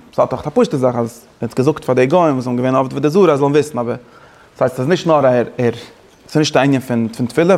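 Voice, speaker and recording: A man teaching a Torah class, talking fast with many restarts and mixing in Hebrew and English phrases. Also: medium pitch, gravelly, a little mellow. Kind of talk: Talmud-style lecture.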